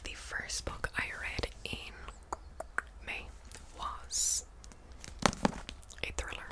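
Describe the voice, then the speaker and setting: A woman whispering ASMR close to the mic in a casual book chat, breathy and unvoiced, softly repeating words and phrases. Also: extremely slow. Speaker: book review vlogger.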